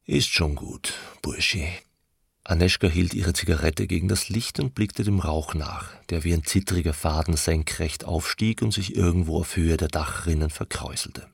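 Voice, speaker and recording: A man reading a novel aloud in calm, measured narration, close on a studio mic. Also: low-pitched, creaky, slightly rough, no room sound. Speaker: audiobook reader. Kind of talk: scripted narration.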